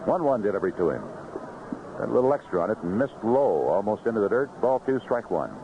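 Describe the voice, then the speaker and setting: Very animated and fast, a low-voiced American man delivers live baseball radio play-by-play from a ballpark booth, heard over noisy, muffled vintage AM audio.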